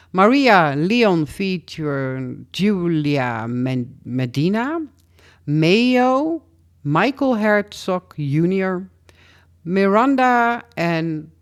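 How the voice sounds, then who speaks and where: Woman vlogger, casual news reader, unhurried and melodic, stumbles over names. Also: medium pitch. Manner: reads long name lists, stumbles over names and comments on them. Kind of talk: casual news roundup read aloud.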